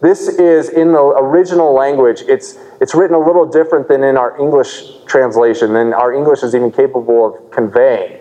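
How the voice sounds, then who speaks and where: A man's voice: medium pitch, brisk, hardly any pauses, mellow. Earnest male pastor preaching in a reverberant hall. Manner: earnest, explanatory preaching with rhetorical questions. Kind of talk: sermon.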